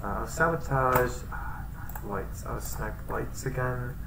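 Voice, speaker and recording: A man's voice: medium pitch, takes it slowly. A man casually narrating his game, muttering to himself and making playful sound effects. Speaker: gamer, channel host. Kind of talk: casual gaming commentary. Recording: roomy, distant mic with background noise.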